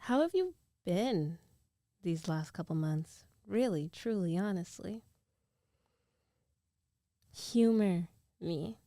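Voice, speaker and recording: Playing a concerned, teasing young ex-girlfriend, a woman murmurs haltingly into a close mic for an intimate ASMR roleplay. Her lowish voice has lively intonation with no echo, and she sounds hesitant and regretful.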